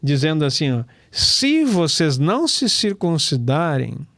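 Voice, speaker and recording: Guy from the south teaching bible stuff, kinda high voice, dry close mic, chatty and laughs a lot. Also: sing-song, measured pace, fairly bright tone, no room sound. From Brazil. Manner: conversational, addresses listeners as brother, laughs often. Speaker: pastor and Torah teacher.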